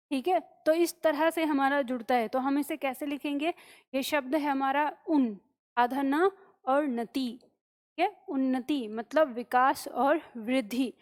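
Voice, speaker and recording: A woman teacher explaining word spellings to students, breaking words into parts and often checking with "okay?". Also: high-pitched. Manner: explains slowly, spells words syllable by syllable, keeps asking "okay?". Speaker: Hindi teacher.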